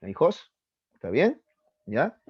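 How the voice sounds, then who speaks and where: A man's voice: slow, husky. A middle-aged man giving a psychology lecture to teenagers, acting out little voices and throwing in questions. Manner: animated, acts out voices and questions with rising pitch. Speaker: psychology teacher. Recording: dull, dry lo-fi recording.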